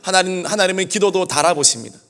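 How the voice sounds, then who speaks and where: Earnest high-voiced male pastor preaching. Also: expressive, fast talker, a bit bright. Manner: earnest preaching with repeated pleading refrains. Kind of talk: sermon. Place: church sanctuary. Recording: long hall reverb.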